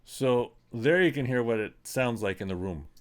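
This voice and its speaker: A middle-aged man with an animated mid-range voice gives a loose screen-recorded tutorial on mixing his vocals at home. He talks at normal speed, rambling with plenty of ums and uhs. His humor is self-deprecating.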